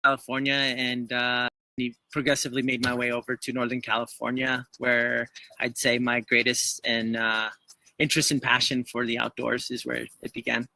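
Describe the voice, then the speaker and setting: A man's voice: mid-range voice, monotone, moderate pace, creaky, bright, forceful tone, no room sound, poor audio. A man from El Salvador, a trail runner guest in an interview, speaking in a hesitant, heartfelt way with many fillers. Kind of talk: conversational interview.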